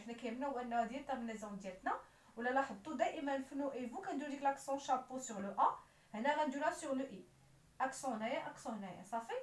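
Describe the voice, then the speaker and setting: A woman's voice: high voice, slight background noise. A woman with a Moroccan accent explaining French grammar as a teacher, spelling out letters and verb endings. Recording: roomy echo, voice somewhat far from the mic.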